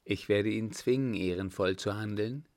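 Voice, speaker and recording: A courteous, proud young army lieutenant, read by a man. His voice is low and gravelly, the delivery slow and measured. It sounds close and dry. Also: a little mellow, no echo, natural voice. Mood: earnest.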